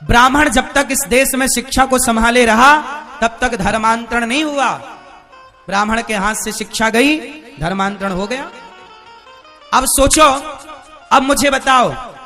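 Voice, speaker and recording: A man's voice: extremely high pitch, measured pace, long pauses, sharp tone, soft background music. A man preaching a devotional sermon to a live audience, who keeps asking his listeners rhetorical questions. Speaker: religious preacher.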